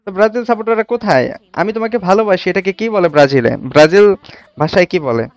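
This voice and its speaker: Racing along expressively, a livestream host reads out viewer comments and quizzes the people chatting with him. His voice is clear, smooth, and somewhat high for a man, recorded close and dry without any room echo.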